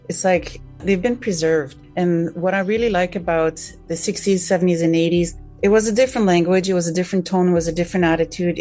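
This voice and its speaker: A woman hosts an interview, reading an introduction and then asking questions in an earnest, measured way. Her voice sits lower than most women's. Soft music plays faintly underneath. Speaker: host. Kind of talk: interview hosting, read introduction.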